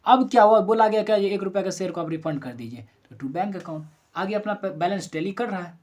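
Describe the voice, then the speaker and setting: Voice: mid-range voice, fairly quick, a little mellow. Conversational teacher walking through examples. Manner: explains step by step with worked number examples, talks straight to students; conversational, self-correcting, asks and answers own questions. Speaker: commerce teacher. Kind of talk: recorded accounting lesson.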